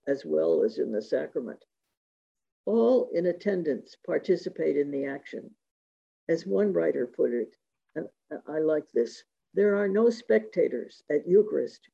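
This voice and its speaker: A man giving a reflective talk on religious devotion, measured and reading quotations aloud, in a dull lo-fi recording. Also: fairly high pitch, creaky, warm tone, husky. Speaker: speaker giving a talk on Eucharistic spirituality.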